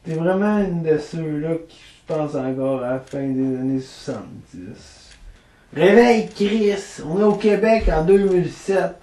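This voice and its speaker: Man as a Québécois punk, mocking, swearing, slightly high voice, roomy echo. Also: darkish tone. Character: cynical young male Quebec punk drinker. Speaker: punk character. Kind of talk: amateur film acting.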